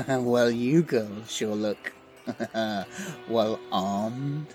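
A man's voice: medium pitch, drawn-out words, darkish tone, faint music behind. A man playing a smug, leering townsman in a comic Western audio drama showdown.

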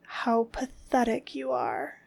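A woman speaks in a commanding, scornful tone, dropping often into a whisper. Her delivery is very slow and deliberate, with long gaps between short phrases, and her voice sits on the higher side. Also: big pitch swings, gravelly, a little mellow. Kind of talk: scripted dominant roleplay audio.

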